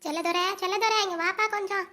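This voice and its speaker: In a homemade comedy skit, a woman plays a fussy village mother-in-law who scolds her daughter-in-law and then fusses over her, nagging and doting in the same breath. Her voice is very high, bright, and quick, with fairly even intonation.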